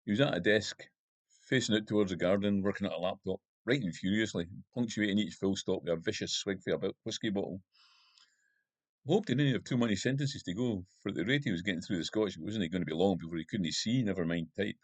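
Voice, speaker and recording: A man reading his own first-person crime novel aloud in a steady, measured storytelling voice. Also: low voice, no room sound.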